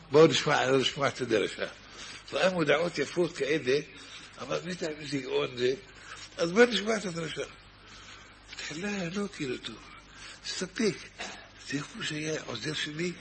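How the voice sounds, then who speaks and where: A man giving a sermon as a rabbi, telling a story and acting out its dialogue with lively swings in voice. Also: a little high, creaky. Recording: faint background noise.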